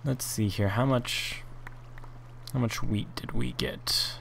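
Playing Minecraft for a let's play, this man talks slowly in a steady, gravelly, fairly bright medium-pitched voice. He muses aloud, quietly counts blocks, and wanders off on tangents, with a little hiss or hum in the recording.

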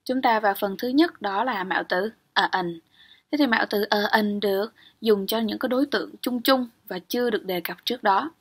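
A woman's voice: medium pitch, a little fast, husky. A young woman teaching English grammar in an exam-prep lecture, explaining step by step and often checking with "ok?".

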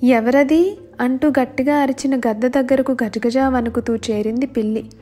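A woman narrating a children's bedtime story in a measured, expressive way. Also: high-pitched. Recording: faint background music.

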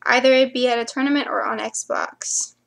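A woman's voice: fairly high pitch, steady tone, normal speed, gravelly. A young woman chatting casually to camera, answering viewer questions and rambling into mumbled asides.

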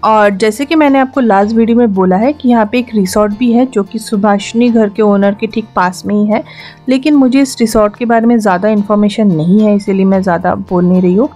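A woman's voice: mid-range voice, brisk, warm tone, faint music behind. A young woman from the Andaman Islands, a travel vlogger giving a chatty, explanatory voice-over for a road trip and mixing English words into her speech.

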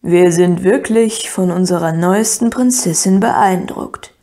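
Woman doing an easygoing bearded prince in an audiobook, slow and amused. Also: medium pitch, a little mellow, lightly acted. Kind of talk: audiobook reading.

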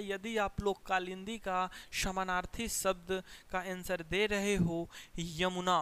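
A young man with a Bihari Hindi accent, teaching an exam prep lesson, energetic, repeating phrases and quizzing his students. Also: sits high, smooth.

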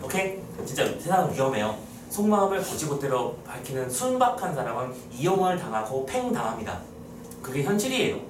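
A man's voice: on the high side, background noise. A young man lecturing on a poem for exam prep, talking casually and teasing his students. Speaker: Korean literature lecturer. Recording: echoey room, mic at a distance.

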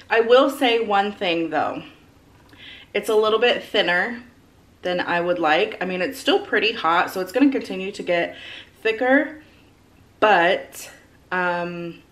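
With clear frying and kitchen noise around her, including sizzling and stirring, a home cook in her thirties gives casual instructions to her viewers from her home kitchen. Her voice is medium in pitch and a bit bright.

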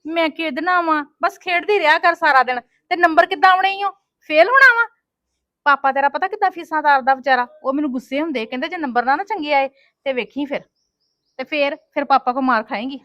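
A woman's voice: high-pitched, a bit bright, no echo, clean studio sound. A woman playing a strict but loving mother who scolds and coaxes her daughters in a family drama. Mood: scolding. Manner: quick, scolding, then coaxing. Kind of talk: homemade family drama acting.

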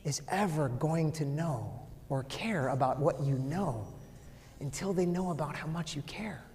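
A man preaches in a big sanctuary, his fairly high voice ringing with long church reverb. He is animated, swinging between loud emphasis and a near-whisper. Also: a little slow, slight background noise. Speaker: priest. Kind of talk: sermon. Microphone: far camera, no visible mic.

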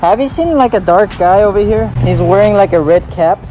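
A man's voice: high voice, brisk, dark tone, a little hiss or hum, low-quality recording. A man in his twenties flirting pushily in casual slang outdoors. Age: 20s. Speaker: prankster. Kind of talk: casual chat.

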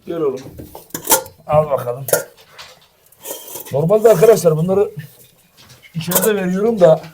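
High-voiced man coaxing his dogs. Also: animated, a little slow, noisy background. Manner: affectionate coaxing talk to dogs, addresses viewers. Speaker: dog owner vlogger. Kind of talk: casual vlog while feeding dogs.

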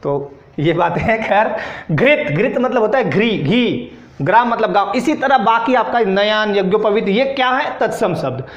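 Guy teacher with a high voice dictating words to an online class, keeps saying "right?", echoey room. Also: animated, unhurried, highs cut off. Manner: dictates word pairs, repeats with tags like "है ना". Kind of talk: exam-prep Hindi grammar lesson.

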